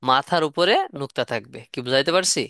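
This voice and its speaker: A man's voice: medium pitch, fast, sharp tone, clear, resonant tone, no echo, studio quality. A man teaching Quran letter pronunciation in a live online class, repeating questions and asking students to respond.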